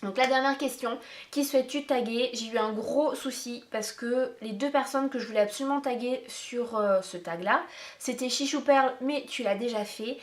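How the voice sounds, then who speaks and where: A woman beauty vlogger chatting casually and at length to her viewers, talking straight to them as she wanders from point to point. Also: fairly high pitch. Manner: chatty, meandering, addresses viewers directly. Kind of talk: casual makeup tag vlog. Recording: roomy echo.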